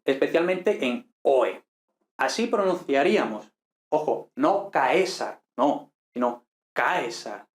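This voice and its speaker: Spaniard explaining Latin in an echoey room. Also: male voice, fairly high pitch. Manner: explanatory, often checks in with a questioning 'right?'; slows down to sound out example words. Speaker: Latin teacher. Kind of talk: online lesson. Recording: roomy echo.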